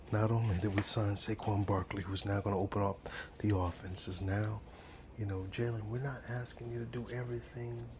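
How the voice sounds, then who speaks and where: There's a noisy background as a man with a lowish voice chats while he cooks in his home kitchen. In an ASMR cook-along manner, he playfully repeats his words and draws them out.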